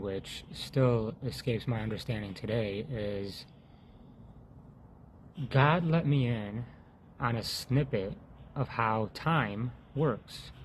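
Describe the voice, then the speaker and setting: A man giving an earnest, halting personal testimony about faith, often restarting his sentences and sinking to a hush when he quotes his prayers. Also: fairly low pitch, slight background noise. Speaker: faith vlogger sharing a testimony.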